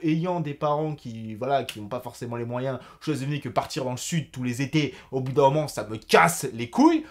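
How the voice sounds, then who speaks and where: A man in his mid-twenties tells a personal story straight to camera, with loose slang and plenty of swearing. His voice swings high and low as he goes, lively and full of expression. Soft music plays faintly behind him. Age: 20s. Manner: animated and slangy, with frequent swearing. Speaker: vlogger.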